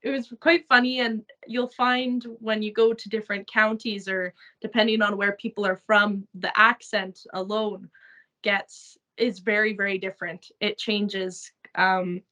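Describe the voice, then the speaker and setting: A woman's voice: medium pitch, flat delivery, a little slow, pushed and bright, low-quality recording. A young woman from Saskatchewan with a Canadian accent, chatting in an interview with many fillers and frequent laughs. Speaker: actress interviewee. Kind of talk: casual interview chat.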